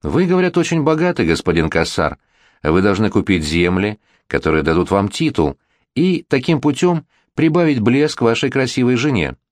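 A man's voice: mid-range voice, very animated, moderate pace, dry recording, clean studio sound, voice pushed up, close to an everyday voice. A man voicing a worldly, flirtatious middle-aged prince regent in a gallant, insistent manner.

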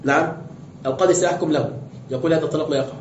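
Fast-talking sheikh in roomy lecture hall. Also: male voice, a little high, steady tone, a little mellow. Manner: explains step by step, asks rhetorical questions. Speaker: sheikh teaching tafsir and fiqh. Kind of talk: classroom lecture with questions. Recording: dull roomy lecture recording, faint noise.

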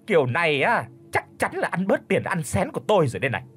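Guy doing a shrill nasty old mother-in-law in an audiobook, screechy high voice, nagging nonstop. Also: huge pitch swings, breathy edge, soft background music, full character voice. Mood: scolding. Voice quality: shrill, sharp-tongued. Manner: scolding, fast accusing questions. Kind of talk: audiobook character voice.

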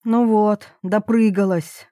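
A woman voicing the snarky, fanciful inner voice of a young woman in an audiobook, with quick sarcastic retorts. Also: medium pitch, steady tone, mellow, no echo, clean studio sound, close to an everyday voice. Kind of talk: audiobook character reading.

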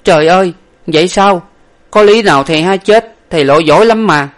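A man voicing a clumsy, panicky young male servant in a storybook, with a loud, flustered manner. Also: on the high side, fast talker, voice pushed up, close to an everyday voice.

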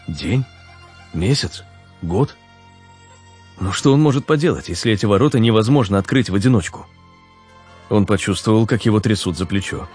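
A man narrating an audiobook in an even, steady storytelling manner. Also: on the low side. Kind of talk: scripted narration.

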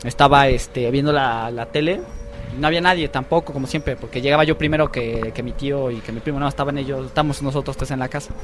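A man's voice: mid-range voice, quick pace. A young man telling a spooky personal story in casual, profane chat with friends on a podcast, acting out quotes as he goes. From Mexico. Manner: slangy, profane, animated retelling with voiced quotes. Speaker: podcast host.

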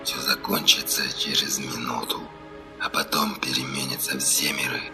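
A man's voice: very deep voice, level tone, moderate pace, voice pushed down. A man doing a sinister whispering stranger. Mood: coaxing. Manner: hushed, coaxing whisper. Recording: music playing underneath.

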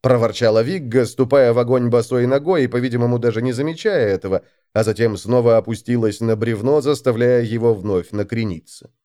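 A man narrating a fantasy audiobook in an expressive storytelling manner. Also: mid-range voice, a little fast, few pauses. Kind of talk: scripted narration.

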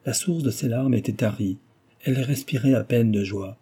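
A man reading a classic novel aloud as steady, scripted narration. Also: mid-range voice, moderate pace, husky. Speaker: audiobook reader.

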